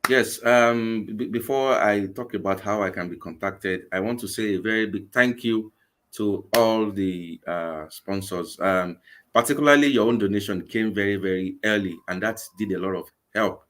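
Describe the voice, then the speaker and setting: A man in his forties with a Nigerian English accent, earnest and repetitive as he speaks over a video call. His voice sits fairly low. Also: normal speed, fairly bright tone, a little hiss or hum. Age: 40s. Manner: earnest, repeats words often. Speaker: guest, vegan campaign organizer. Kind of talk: live interview.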